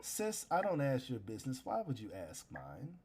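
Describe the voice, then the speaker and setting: A man's voice: mid-range voice, wildly swooping pitch, normal speed, noisy background. Tabletop game role: breezy, lewd, cheeky brother who teases flippantly voiced by a male game master. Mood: teasing.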